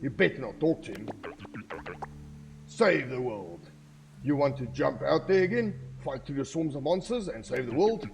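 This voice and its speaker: A man's voice: mid-range voice, lively intonation, moderate pace, creaky, a little mellow, faint music behind. A man voicing the sleepy guardian spirit of a sanctuary tree in a video game, speaking in a dry, weary, teasing way.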